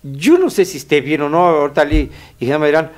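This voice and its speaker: A man with a Mexican Spanish accent co-hosts a relaxed radio chat, his voice on the high side, expressive and brisk. He laughs a lot while talking frankly and bluntly about himself.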